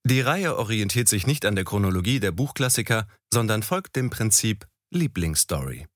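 A man's voice: on the low side, no room sound, studio quality. A man reading a scripted promo introduction as announcer.

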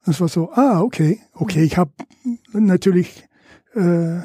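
An older man with an American accent talks as a guest in halting, searching German. He is a native English speaker and laughs easily. His voice is mellow and the sound is dry and close. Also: high-pitched, husky, no echo. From Louisiana, USA. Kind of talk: casual interview chat.

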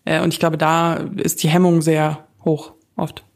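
A woman's voice: sits low, level tone, measured pace, creaky, a little mellow. A woman in her late twenties co-hosting a podcast, chatting frankly but a little bashful. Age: late 20s. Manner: bashful, laughs easily. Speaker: podcast co-host. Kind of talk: frank casual conversation.

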